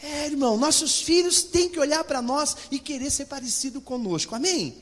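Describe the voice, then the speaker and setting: A middle-aged man preaches to his congregation, talking straight to them. His voice sits high and swings widely in pitch. A long church reverb trails every phrase. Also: moderate pace. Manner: animated preaching, addresses congregation directly. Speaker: pastor. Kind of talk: sermon. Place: church hall.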